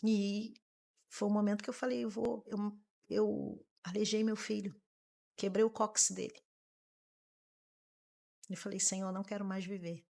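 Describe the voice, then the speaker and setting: A woman with a gravelly, creaky voice tells a painful personal story. She speaks earnestly and haltingly, circling back to repeat her own words. Her pitch sits in the middle range for a woman. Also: level tone, mellow. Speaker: podcast guest, massage therapist and mother. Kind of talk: emotional personal testimony.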